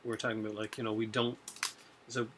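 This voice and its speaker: This middle-aged Newfoundland video host talks fast in a fairly low, fairly flat voice, his accent light. Filmed by webcam in a home room with shelves and a TV, he chats casually about his purchases, rambling with lots of fillers over background noise.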